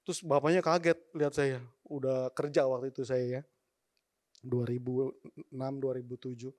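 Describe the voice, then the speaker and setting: A man, telling his testimony in church as an animated storyteller who addresses the congregation directly. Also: mid-range voice, normal speed. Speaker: testimony speaker.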